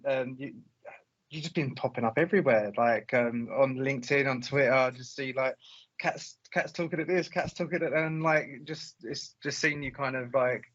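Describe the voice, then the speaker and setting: A man's voice: medium pitch, moderate pace, a bit bright, highs cut off. A man co-hosting a podcast from an office, chatting casually and rambling with lots of restarts. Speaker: podcast co-host. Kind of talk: casual interview chat.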